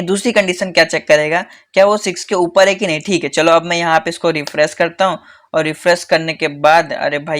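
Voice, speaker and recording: A man teaching a casual coding tutorial who talks fast in a chatty way, calls viewers "bhai" and repeats phrases for emphasis. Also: fairly high pitch, fairly bright tone. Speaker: coding instructor.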